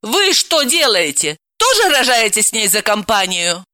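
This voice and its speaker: A woman voicing a hot-tempered young woman who scolds and snaps in a high, indignant voice, in a storybook reading. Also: sing-song, normal speed, sharp tone, no room sound, studio quality. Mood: scolding.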